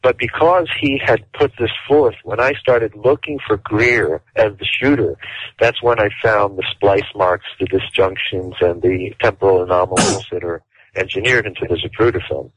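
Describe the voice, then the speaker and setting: A male interview guest explaining in detail and at a deliberate pace, with frequent fillers. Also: fairly low pitch, a bit bright, breathy edge, no room sound. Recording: dull dry lo-fi audio.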